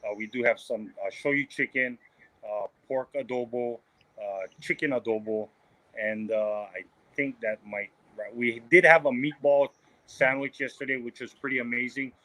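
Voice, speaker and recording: Bright-voiced man, casual and halting. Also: mid-range voice, poor audio. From Maui, Hawaii. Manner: relaxed, hesitant, many fillers. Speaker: restaurant manager. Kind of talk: casual chat.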